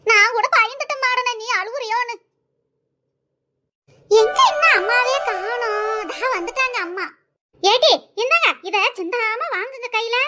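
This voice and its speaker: A woman voicing several teasing, scolding village women in an animated comedy. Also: very high voice, unhurried, long pauses, full character voice. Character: nosy teasing village women at a wedding feast.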